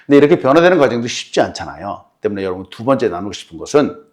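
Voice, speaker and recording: Animated male pastor preaching. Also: lowish voice, very fast. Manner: animated preaching with rhetorical questions. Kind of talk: sermon.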